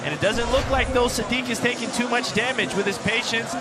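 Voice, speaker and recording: A man's voice: very high voice, a little fast. A man giving live kickboxing analysis as a color commentator, breaking down technique emphatically. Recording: loud arena crowd noise behind. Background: noisy arena crowd.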